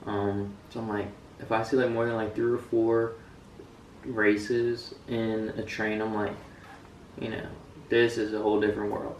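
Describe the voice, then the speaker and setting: A young American man, a student vlogger, rambles through casual vlog talk in a lowish, level voice at an unhurried pace, full of fillers and restarts. He's in an echoey room with the mic a bit far away and slight background noise.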